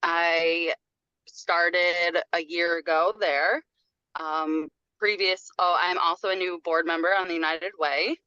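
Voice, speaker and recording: A woman driving, heard over a car speakerphone on a video call. Her voice is bright and a little low, with a hesitant delivery full of ums. The call audio sounds dull and lo-fi but dry. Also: little pitch movement, takes it slowly, clean tone, no room sound. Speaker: senior accountant and new board member. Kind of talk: introducing herself on a video meeting. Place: in a moving car. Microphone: phone on a video call, camera off.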